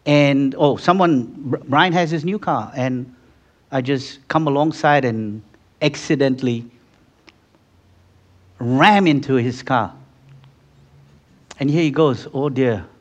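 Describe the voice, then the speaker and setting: Over lo-fi sound, a man with a medium-pitched voice preaches slowly, leaving long pauses. This pastor's conversational sermon features little acted-out scenes and climbs to fervent high points, and it is marked by many restarts and repeated words.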